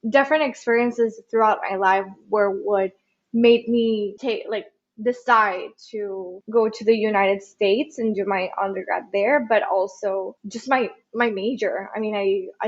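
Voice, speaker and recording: A woman's voice: mid-range voice, husky, muffled recording. Chatty young woman from Venezuela. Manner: bilingual, relaxed and chatty. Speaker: podcast guest. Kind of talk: casual interview chat.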